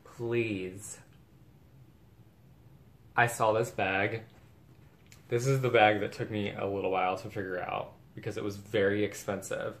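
Here the pitch is fairly low and the tone steady and a bit bright, with a slightly slow pace and frequent pauses. The man vlogs a casual unboxing, chatting and gushing over bags; the room echoes and faint noise lingers.

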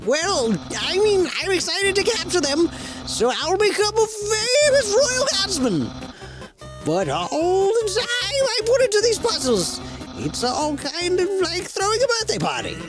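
A woman voicing a boastful, excitable male skeleton who dreams of joining the guard, reading his lines theatrically. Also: extremely high pitch, unhurried, pitched above the performer's own voice, full character voice. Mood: deflated. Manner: theatrical, proclaiming reads of game dialogue. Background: game music.

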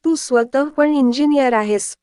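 A woman voicing a cheeky young man, the family's youngest son, who teases and flares up fast. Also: high-pitched, darkish tone, no echo, studio quality. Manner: teasing, quick to flare up.

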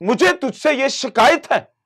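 His voice is very high, animated, unhurried and fairly bright. A middle-aged pastor from Pakistan, he is giving a televised sermon in a studio, picked up by a lapel mic, with passionate emphasis that rises and falls and both hands gesturing constantly.

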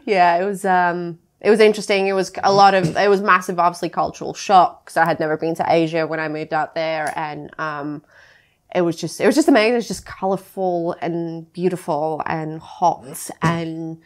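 A woman's voice: on the low side, fairly even intonation, normal speed. Chatty Latvian-born woman, laughing often. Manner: chatty, laughs often, many fillers and restarts. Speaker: guest, freelance graphic designer. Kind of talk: casual interview chat. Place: London podcast studio.

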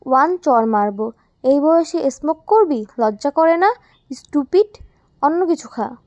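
A woman's voice: high-pitched, takes it slowly, darkish tone, no echo, highs cut off. A woman voicing a brash, bossy young female pickpocket who mixes broken English into her talk. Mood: angry.

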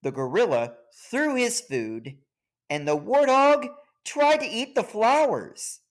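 Reading a storybook aloud, a male narrator sounds very animated and unhurried, speaking slowly. Within every sentence, his pitch swings up and down expressively.

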